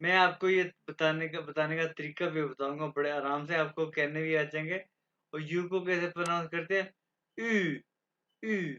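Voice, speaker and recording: A man from Pakistan teaching a German class online, drilling letters slowly and clearly. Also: a little high, steady tone, bright, forceful tone. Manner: slow, drawn-out letter drills. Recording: dull lo-fi call audio.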